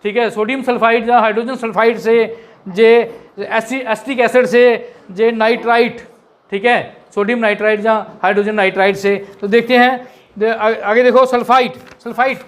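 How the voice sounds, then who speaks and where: A male chemistry teacher, lecturing a classroom and drilling students with quick questions and spelled-out terms. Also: very high-pitched, fairly even intonation.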